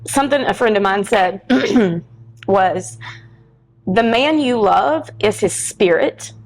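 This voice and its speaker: Speaking slowly with lively intonation and a medium pitch, a middle-aged podcast guest frankly and candidly recounts a personal story, acting out other people's dialogue. The recording quality is low.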